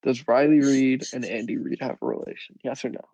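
A teenage boy co-hosting a podcast, cracking teasing deadpan jokes. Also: mid-range voice, brisk, creaky, husky, no room sound, rough recording. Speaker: podcast co-host. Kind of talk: casual chat.

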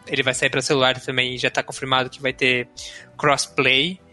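A man's voice: mid-range voice, flat delivery, normal speed, pushed and bright, soft background music. A man co-hosting a casual gaming podcast, rambling with many restarts and fillers. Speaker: podcast co-host.

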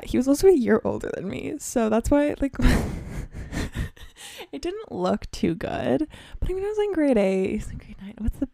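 A woman's voice: a little high, vocal fry, warm tone, dry recording, clean studio sound. A young woman hosting a solo podcast, telling stories in a chatty, self-deprecating, giggly way. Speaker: podcast host. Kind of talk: casual solo storytelling.

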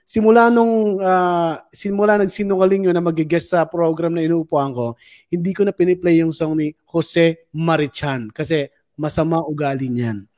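A woman's voice: low-pitched, moderate pace, darkish tone. A woman hosting a talk show, a teasing, chatty storyteller in casual chat. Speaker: radio host.

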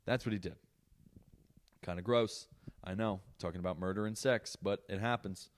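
A young man with a lowish voice riffs on a comedy podcast. He swears freely and breaks into loud bursts of mock outrage. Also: normal speed. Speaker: podcast host. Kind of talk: casual comedic rant.

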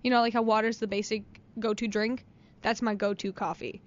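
A young woman co-hosting a podcast in a small studio, chatty and quick to laugh. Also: medium pitch, fairly even intonation, highs cut off. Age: young adult. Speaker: podcast co-host. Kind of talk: casual chat. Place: radio studio. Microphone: studio mic.

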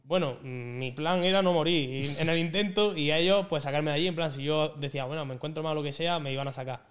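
Fast-talking young man. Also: a little high. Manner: animated, slangy, acts out quotes. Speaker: guest singer. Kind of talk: casual podcast storytelling.

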